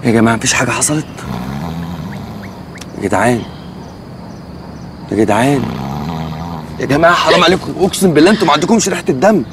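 An actor playing a bossy, excitable stranded man who nags his friends, in an Egyptian accent. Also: fairly high pitch, fast, pauses often, background noise, natural voice. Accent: Egyptian Arabic. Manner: bossy, excitable comic scolding. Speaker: castaway leading a group. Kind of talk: TV sitcom acting. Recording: music score underneath.

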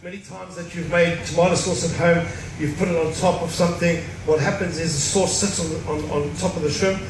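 A man's voice: on the high side, steady tone, fairly quick. A middle-aged man, a chef, explaining a recipe step by step with dry jokes at a live cooking demonstration. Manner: explanatory, dryly joking. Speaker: cruise ship chef. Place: cruise ship show stage before an audience. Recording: echoey hall, distant mic, noise.

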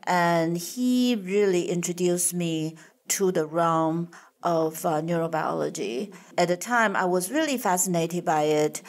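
A middle-aged woman from Taiwan answers interview questions on a podcast. Her voice sits on the low side and her talk is thoughtful, with small restarts and fillers. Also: unhurried. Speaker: guest scientist.

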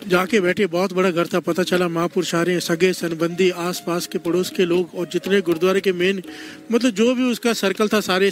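A man preaching a devotional storytelling sermon, slow and deliberate, who keeps calling on the congregation to answer him. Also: high-pitched. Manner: call-and-response preaching, leads the congregation in responses.

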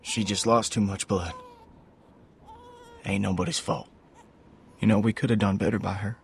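An actor playing a grieving, weary survivor in a video game, speaking quietly and haltingly. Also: male voice, on the low side, fairly even intonation, gravelly, slight background noise. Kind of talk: dramatic video game acting.

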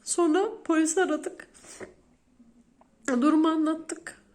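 A woman's voice: extremely high pitch, slow, a little mellow. A woman in her thirties, a vlogger speaking straight to her viewers as she retells a frightening day in detail. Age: 30s. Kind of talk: emotional storytelling to viewers.

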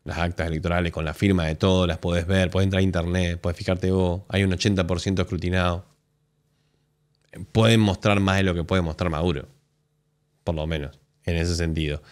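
Blunt Argentine man with a low voice. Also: steady tone, brisk. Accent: Argentine Spanish. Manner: blunt, sarcastic, swears often. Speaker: live stream host. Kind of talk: casual reaction commentary.

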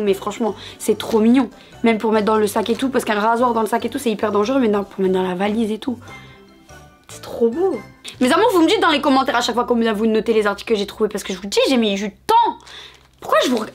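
A woman in her thirties chatting in a bubbly way through a shopping haul video, talking straight to her viewers. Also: fairly high pitch. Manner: bubbly, chatty, calls viewers "mes amours". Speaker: haul vlogger. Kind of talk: casual haul video chat.

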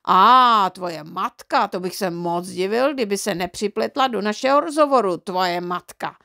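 A woman's voice: medium pitch, creaky, pushed and bright. A woman voicing an exasperated, harried father who bursts out in irritation in an audiobook. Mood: exasperated, angry. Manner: exasperated outbursts. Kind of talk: audiobook character reading.

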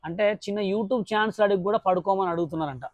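A woman's voice: mid-range voice, fast talker, a little mellow, no room sound. A woman with a Telangana Telugu accent hosting an informal interview, bluntly probing and repeating her questions insistently. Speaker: interviewer and host.

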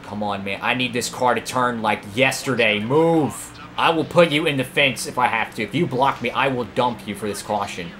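A man commentating live over his own racing game career run, excitable and prone to sudden outbursts at other drivers and his car. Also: mid-range voice, fairly quick, few pauses, a little hiss or hum. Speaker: gaming YouTuber.

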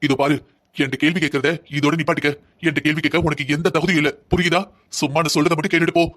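A man's voice: a little high, flat delivery, rapid-fire, fairly bright tone, natural voice. A young man voicing a stubborn, resentful husband in a cartoon drama, speaking harshly and defiantly. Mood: contemptuous.

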